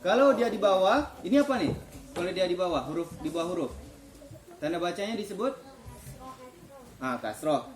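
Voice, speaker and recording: A man's voice: high voice, animated, moderate pace, long pauses. A man teaching children to read the Quran in a classroom, patiently quizzing them and praising their answers. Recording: echoey classroom.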